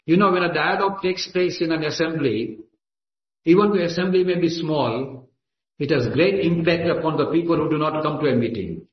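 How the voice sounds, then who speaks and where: Recorded in an echoey assembly hall with lo-fi quality, a man with an Indian accent, a native Gujarati speaker, gives a declamatory, impassioned meeting speech. His pitch is fairly high and his pace moderate.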